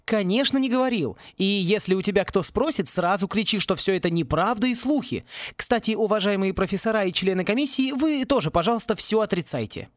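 A man voicing a cunning, cheeky schoolboy schemer who talks in a brisk, pushy way with a raised voice. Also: high voice, animated, no room sound, studio quality, voice pushed up.

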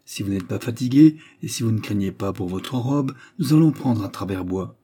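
A man's voice: fairly low pitch, expressive, normal speed, mellow, husky. A man reading aloud, voicing a moody, sarcastic young man who questions insistently. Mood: practical. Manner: insistent, half-ironic questioning.

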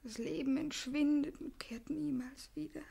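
A woman's voice: high voice, fairly even intonation, moderate pace, creaky, dark tone. An actress playing a tearful, despairing young woman of twenty-four in a 1960s radio drama, often whispering. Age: 20s.

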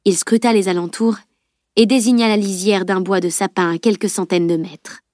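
A woman narrating an audiobook novel with a steady, even reading. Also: mid-range voice, moderate pace, no echo, clean studio sound. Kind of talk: scripted narration.

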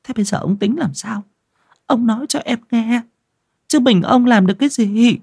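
A man voicing a frightened middle-aged village wife in an audio horror story, with a shrill falsetto, stammering and pleading. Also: normal speed, gravelly, darkish tone, breathy edge, no room sound, clean studio sound, full character voice. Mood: anxious.

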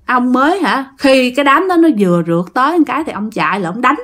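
A woman tells a ghost story in a casual way, speaking straight to her listeners. She is emphatic and repeats words for effect. Her voice sits fairly high. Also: expressive, fast, a bit bright. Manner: emphatic, repetitive, addresses listeners.

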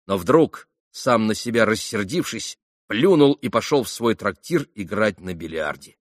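A man's voice: fairly low pitch, expressive, measured pace, no room sound. Man reading an audiobook, dry. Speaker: audiobook narrator. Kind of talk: scripted narration.

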